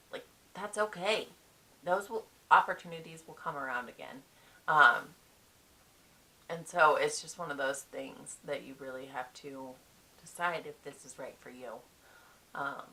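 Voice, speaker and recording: A woman's voice: low voice, creaky, pushed and bright, low-quality recording. A young woman talking casually to camera, giving frank advice on competing, with many ums. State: chewing a cough drop. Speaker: bikini fitness competitor.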